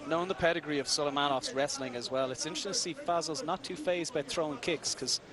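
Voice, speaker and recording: A man's voice: a little high, fast. A man offering conversational live sports commentary as a fight analyst. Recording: loud crowd behind commentary.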